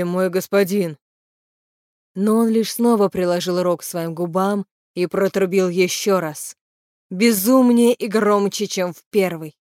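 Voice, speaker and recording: A woman narrates a fantasy audiobook in a steady, even voice of middle pitch. The recording is dry and close, with no room sound around her. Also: no echo. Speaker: audiobook reader. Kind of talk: scripted narration of a fantasy novel.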